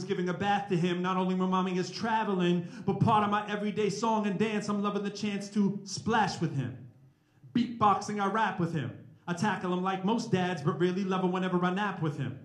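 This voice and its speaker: This man in his forties, a rapper and math professor, delivers an informal live talk with spoken-word rap at an indoor college event. His voice is somewhat higher and energetic, conversational in style, captured in an echoey, roomy recording.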